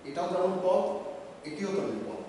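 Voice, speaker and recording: A male teacher giving a slow, measured grammar lesson with pauses between words, recorded in an office room. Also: high voice, lively intonation, warm tone, slight background noise. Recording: echoey room from far off.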